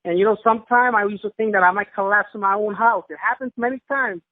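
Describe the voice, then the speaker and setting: A man's voice: high-pitched, fast, no room sound. A man calling in on a phone line to give a fervent, emotional testimonial, with repeated emphatic phrases. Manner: fervent, repetitive, preacher-like emphasis. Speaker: caller giving a testimonial. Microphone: telephone.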